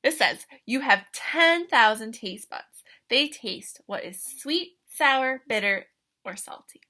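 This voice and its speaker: Reading a picture book aloud for little ones, a woman takes on the role of a thrilled teacher, with wide-eyed wonder, asides and questions. Her breathy voice sits on the high side, and she reads slowly.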